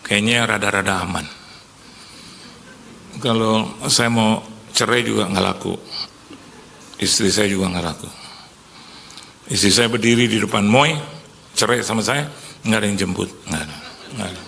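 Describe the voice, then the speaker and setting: A man's voice: fairly low pitch, normal speed, gravelly, long pauses, bright, forceful tone, in a large hall, a little hiss or hum. A man in his sixties, a pastor preaching a sermon as a joking storyteller who acts out dialogue. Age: 60s.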